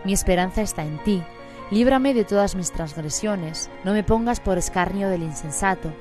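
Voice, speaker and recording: A woman reading a psalm aloud in a solemn, measured recitation, with music clearly behind her voice. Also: medium pitch, a little mellow. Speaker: scripture reader.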